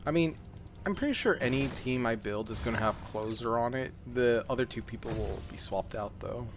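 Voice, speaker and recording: A man's voice: medium pitch, fairly quick. Rambling man commentating over game music and mouse clicks. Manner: rambling, self-deprecating. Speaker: gaming video creator. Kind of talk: casual gameplay commentary.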